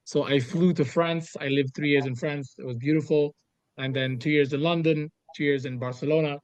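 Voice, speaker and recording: A Canadian man in his thirties talks through an interview answer in a fairly high voice for a man, animated, often restarting his phrases. The sound is close and dry, with a dull, lo-fi quality. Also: moderate pace, clean tone, dry recording. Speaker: guest, sales executive.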